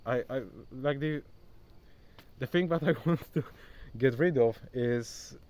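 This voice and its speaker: A young man, not a native English speaker, takes it slowly as he vlogs into his phone outdoors near a forest in a rural area. His medium-pitched voice is a little mellow, and he keeps things chatty and loose, calling the viewer "bro." Faint insects and nature sounds fill the background.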